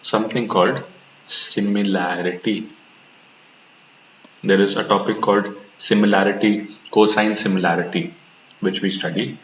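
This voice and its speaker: A man with a fairly low voice lectures in a classroom style, asking himself rhetorical questions and repeating key points. The recording is dull and lo-fi with a faint hiss, and the room echoes. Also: fairly even intonation, normal speed, pauses often. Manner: explains step by step with rhetorical questions and repetition. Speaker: instructor.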